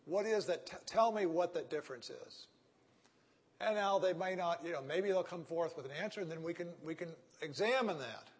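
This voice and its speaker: A man with a Texan accent gives an ethics lecture at a normal speed, building his argument step by step and frequently pausing to ask "right?" or "okay?". His voice is high for a man and slightly husky. The recording is echoey, with a long, ringing reverb from a large hall.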